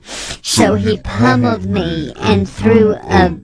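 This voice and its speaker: A man playing an anonymous male informant on a radio comedy bit, his voice electronically disguised, telling absurd events in a slow deadpan. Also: sits high, over a noisy crowd, rough recording.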